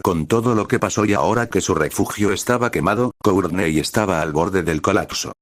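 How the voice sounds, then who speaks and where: Male narrator, deep voice, dry close sound, even storybook reading. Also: a little fast, no room sound. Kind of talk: reading a fan story aloud.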